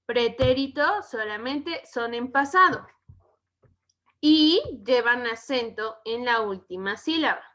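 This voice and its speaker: A woman's voice: a little high, animated, fairly bright tone. A woman with a Mexican Spanish accent teaching a grammar lesson to schoolchildren, often checking in with "¿ok?". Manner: slow, checks in with "¿ok?".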